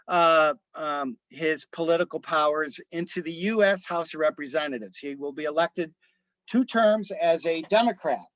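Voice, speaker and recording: A man's voice: a little high, fairly bright tone, dry recording, lo-fi sound. A man presenting a history lecture as an author, telling the story with frequent ums and restarts.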